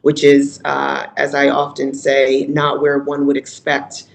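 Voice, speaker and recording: A woman from Rochester, New York, giving an earnest, measured and reflective talk as a guest speaker at a virtual conference. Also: extremely low pitch, completely flat delivery, creaky, a little hiss or hum, poor audio. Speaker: guest speaker, mayor's chief of staff. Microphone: video call.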